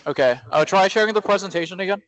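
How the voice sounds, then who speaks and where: A man's voice: sits high, fast, a bit bright, dry recording, highs cut off. A man chatting casually as he helps organize an event. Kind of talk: casual chat.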